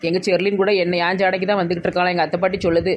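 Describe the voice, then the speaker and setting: A woman with a Tirunelveli Tamil accent acting in a comedy skit, chattering gossipy and quick. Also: lowish voice, level tone, slight background noise. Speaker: comedy sketch actor.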